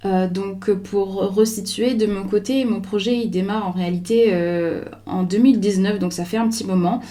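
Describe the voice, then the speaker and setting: A young woman hosting a podcast, talking softly and hesitantly with many pauses and fillers. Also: medium pitch, steady tone. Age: young adult. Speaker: podcast host. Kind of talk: scripted intro then casual chat.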